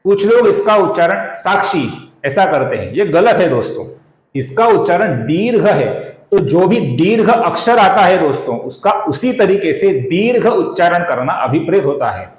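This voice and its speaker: A man with a Marathi accent teaching Sanskrit pronunciation, speaking slowly and deliberately and repeating each syllable for his viewers. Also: high-pitched, sing-song, roomy sound. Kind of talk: recitation lesson.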